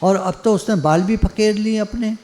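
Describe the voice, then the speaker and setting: A man's voice: high-pitched, normal speed, dark tone, voice pushed up, natural voice. A man voicing a group of teasing friends who mock a drunk. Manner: sly, mocking. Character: four teasing pranking male friends.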